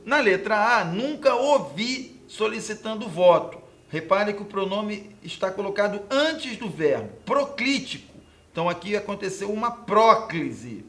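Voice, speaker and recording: A man's voice: sits high, sing-song, unhurried, hardly any pauses, fairly bright tone. A man from Brazil teaching Portuguese grammar, explaining exam answers step by step and pointing at the board, often asking "ok?" to check his students follow. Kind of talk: exam question walkthrough lesson.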